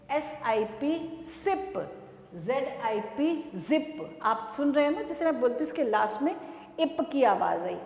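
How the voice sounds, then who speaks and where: A woman with an Indian English accent teaching a phonics lesson to young children, sounding out each word slowly and asking the class questions. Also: high voice, darkish tone. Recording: echoey room with long reverb.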